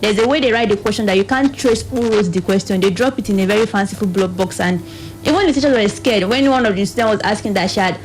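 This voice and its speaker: This time her voice sits in the mid-range and moves fast, with soft music behind it and a rough recording quality. The Nigerian-accented guest from a youth reproductive health organisation explains earnestly on the radio panel, often voicing other people's questions.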